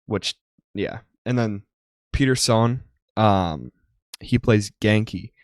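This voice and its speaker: A man's voice: lowish voice, expressive, slow, no room sound. A young man co-hosting a podcast, chatting casually and rambling with lots of ums. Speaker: podcast co-host. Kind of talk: casual chat.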